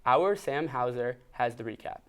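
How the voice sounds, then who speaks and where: A man's voice: medium pitch, lively intonation, moderate pace, background noise. A young man reading scripted sports news as an anchor in a TV studio.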